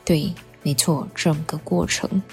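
A young Taiwanese woman with a slightly low voice talks casually as a host, wearing a dental retainer that makes her words a touch wet. She rambles, pauses and corrects herself as she goes. Music plays behind her. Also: steady tone, darkish tone. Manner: rambling, halting, self-correcting with giggles. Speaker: podcast host. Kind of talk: casual chatty monologue.

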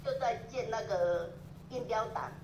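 A woman's voice: fairly high pitch, unhurried, lo-fi sound. A woman, chatting as an interview guest, stumbling over her starts and adding little tag particles. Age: 60s. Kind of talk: casual interview chat. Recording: echoey room with crowd noise.

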